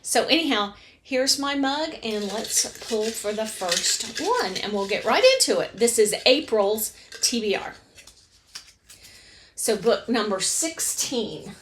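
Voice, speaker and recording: Woman book vlogger, middle-aged, slightly high voice, chatty and rambling, talks to a camera at home. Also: animated, takes it slowly, fairly bright tone, a little hiss or hum. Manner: chatty, rambling, corrects herself often. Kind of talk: casual chat to camera. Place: home reading room, indoors.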